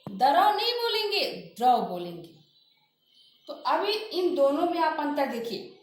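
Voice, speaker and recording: A woman teaching a grammar lesson, slowly drilling pronunciation by repeating example words. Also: high voice, very animated. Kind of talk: classroom lesson with spoken examples. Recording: very echoey room.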